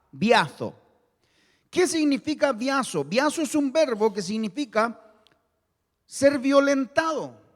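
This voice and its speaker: A male pastor preaching a sermon, teaching slowly and having the congregation repeat key words. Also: high voice. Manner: explains word meanings slowly, stresses key words. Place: church hall. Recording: long reverb of a church hall.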